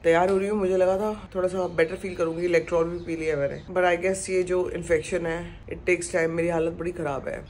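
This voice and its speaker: A woman's voice: fairly low pitch, a little mellow. Weak, feverish woman vlogging at home. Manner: chatty, mixes English phrases into talk. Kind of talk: casual chat to camera. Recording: noisy home recording.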